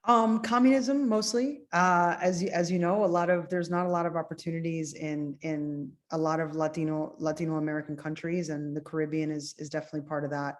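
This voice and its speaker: Forties woman guest, from Cuba via New Jersey, low voice, conversational. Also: fairly even intonation, fairly quick, hardly any pauses. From Cuba, raised in New Jersey. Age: 40s. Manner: conversational, many fillers like "you know". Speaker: optometrist guest. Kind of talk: casual interview.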